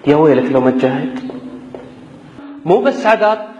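A man's voice: a little high, expressive, normal speed, a little mellow, muffled recording, a little hiss or hum. A young man preaching a fiery sermon, impassioned and exhorting, with rhetorical questions and recited scripture. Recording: echoey, long reverb.

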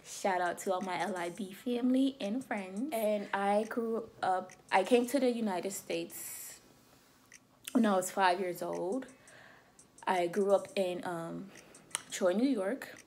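A woman's voice: medium pitch, slow, darkish tone, slight background noise. A woman from Liberia talking casually to camera as a beauty vlogger, chatty and loose with frequent "um" and "you know".

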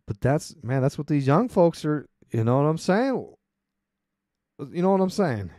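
A man's voice: fairly high pitch, very animated, measured pace, warm tone, dry recording, clean studio sound. A man hosting his own podcast, talking in a casual, rambling way with wry, sarcastic asides. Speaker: podcast host. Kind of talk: casual solo commentary.

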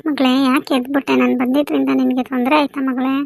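Woman doing a fussy doting mom, high voice with a gravelly edge, kind of flat, dry close sound. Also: quick pace, no echo. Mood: fussing. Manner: fussy, insistent. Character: doting village mother fussing over her daughter. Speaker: mother in a family skit. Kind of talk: amateur village family skit.

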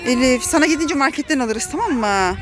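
A woman with a Turkish accent narrates a family pretend-play vlog as a mother talking to her kids. Her voice sits very high, and she fills it with excited, dramatic warnings. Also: fairly quick, music in the background. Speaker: mother filming her children.

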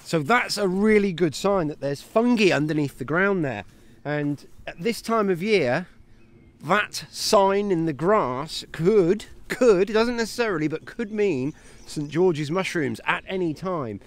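Recording on a phone at arm's length, a homesteading channel host in his thirties strolls through a grassy paddock offering mushroom foraging advice. He has a high, animated voice and talks a little slowly, chatty and keen as he points things out.

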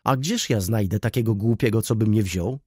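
A man's voice: lowish voice, normal speed, dark tone, slightly rough, no echo, clean studio sound. A man voicing a tearful, self-pitying elderly aunt in an audiobook, with a wailing, plaintive delivery. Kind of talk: audiobook character reading.

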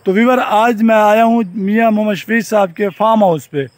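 A man's voice: sits high, a little fast, dry recording. A young man from Pakistan with a Saraiki-region Urdu accent, giving an eager vlog tour of a farm and building site, speaking into a phone held at arm's length outdoors. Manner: enthusiastic, repeats phrases like "look at this". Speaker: vlogger. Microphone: phone camera, selfie at arm's length.

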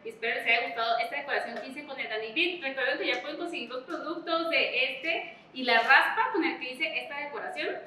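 A high, bright Mexican woman in her thirties answers rapid questions with bubbly short replies and frequent laughter. She is caught from a distance by a camera mic in a large, echoey kitchen, with faint room noise behind her. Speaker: pastry chef and channel host. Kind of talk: casual rapid-fire Q&A. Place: large home-style kitchen indoors. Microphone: far camera mic.

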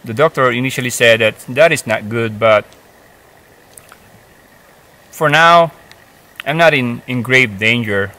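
A man in his fifties, a hiking vlogger, sits on a rock outdoors in a forest and speaks casually to camera on a rough recording. His mid-range voice sounds pushed and bright, and he takes his time, pausing often, hesitating, and filling his speech with fillers and restarts.

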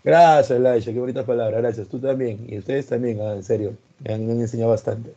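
A man's voice: medium pitch, steady tone, quick pace, warm tone, muffled recording. A man teaching history in a live online class, greeting students by name and explaining with homely examples in a voice that sounds stern. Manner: sounds stern, which he says is just his natural voice. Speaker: pre-university history teacher.

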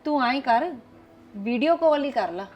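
An actress playing an older grandmother who talks to her granddaughter in a warm but bossy way. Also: high-pitched, expressive, moderate pace, highs cut off, faint music behind. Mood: doting. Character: doting grandmother, protective and firm.

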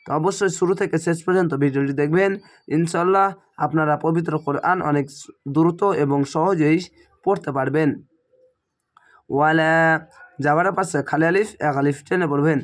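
Man, Quran reading teacher, slightly strained throat, slow syllable-by-syllable spelling, higher voice. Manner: spells Arabic syllables slowly and draws out recited words. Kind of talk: spelling-out Quran recitation lesson.

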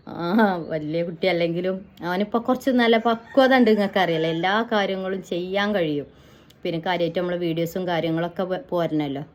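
A middle-aged woman talks quickly and casually straight to her viewers. Her storytelling rambles from one detail to the next, and she keeps checking in with her audience as she goes. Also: fairly low pitch, a little mellow. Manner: chatty, rambling, often ends with "kettō". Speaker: family vlogger.

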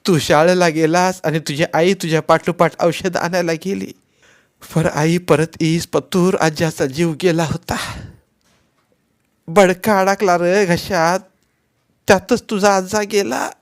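A man's voice: high-pitched, fairly even intonation, unhurried, voice pushed up. A man voicing a grieving old village grandmother who speaks in rustic dialect, in a storybook reading. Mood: sobbing.

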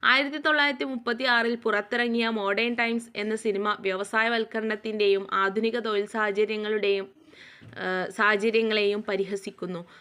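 Woman reading a school lesson aloud. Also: mid-range voice. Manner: steady, reads a play script and notes with small slips. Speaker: teacher.

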